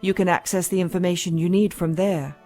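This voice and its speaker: A weary, skeptical woman doctor, voiced by an actress in a sci-fi audio drama. Her tone is soft-edged and dark, her delivery blunt and matter-of-fact, with faint music behind. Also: on the low side, fairly even intonation, brisk, close to an everyday voice. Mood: weary, frustrated.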